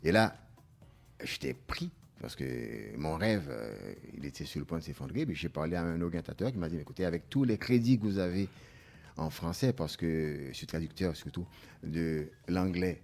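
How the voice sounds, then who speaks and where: A man's voice: low-pitched, expressive, moderate pace, darkish tone. An older man born in Haiti, telling his life story as a guest in a radio interview, reflective and hesitant at times.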